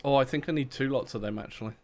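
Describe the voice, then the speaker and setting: A man's voice: medium pitch, racing, darkish tone. A man chatting casually on a live game stream, rambling, self-mocking and laughing often. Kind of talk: casual live-stream chat while gaming.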